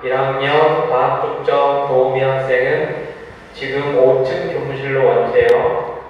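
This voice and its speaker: A man's voice: mid-range voice, level tone, measured pace, noisy background. School intercom announcement, male staff voice, very echoey, muffled distant speaker. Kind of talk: public address announcement. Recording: roomy distant loudspeaker, muffled.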